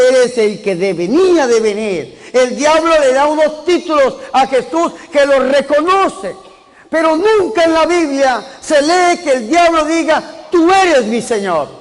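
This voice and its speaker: A man with a very high voice preaches a sermon, calling out to his congregation and rising into shouts. His words ring out with the long reverb of a big church hall. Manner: calls the congregation to repeat and answer, building to shouts.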